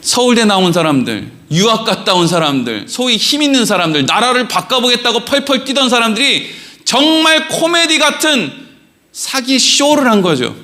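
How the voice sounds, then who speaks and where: Man, pastor, sermon, high-pitched, animated, bright tone. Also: moderate pace. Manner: animated, acts out quoted questions and voices. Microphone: livestream.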